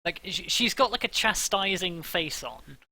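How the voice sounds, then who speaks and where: Bright-voiced male game master. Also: sits high, expressive, a little slow, gravelly, no room sound, poor audio. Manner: hesitant, many fillers and restarts. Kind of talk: narrating a tabletop game.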